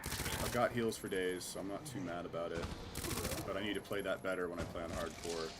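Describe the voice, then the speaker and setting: A man's voice: low-pitched, steady tone, a little fast. Nasal, scratchy-throated male streamer. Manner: chatty, swearing, self-mocking. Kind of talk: casual live game commentary.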